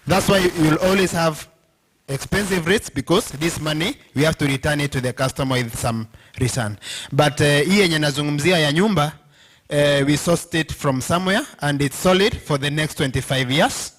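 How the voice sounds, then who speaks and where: Man, Kenyan accent, slightly high pitch, informal presenter, code-switching, checks in with listeners. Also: normal speed, fairly bright tone, breathy edge. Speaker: bank representative presenting to union members. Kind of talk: informal presentation mixing English and Swahili.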